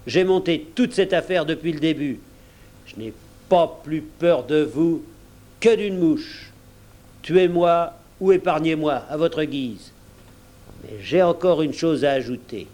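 A man reading an adventure novel aloud in measured, earnest first-person narration. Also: on the high side, darkish tone. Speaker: audiobook reader.

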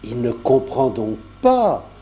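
A man voicing an impatient grocer who insists loudly and talks down to a customer he thinks is foreign. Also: mid-range voice, big pitch swings, slow pace. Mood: insistent. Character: impatient middle-aged male grocer, shopkeeper.

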